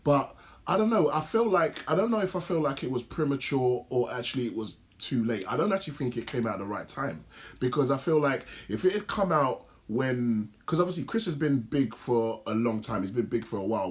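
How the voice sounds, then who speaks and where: A man's voice: mid-range voice, expressive, fairly quick. A man with an urban London roadman accent, co-hosting a film review and giving his opinions in casual chat. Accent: London, urban roadman slang. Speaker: podcast co-host reviewing films.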